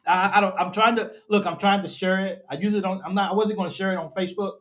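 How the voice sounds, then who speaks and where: A man hosts a live fan show, excited and emotional, repeating himself and calling listeners baby and bro. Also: high voice, fast talker.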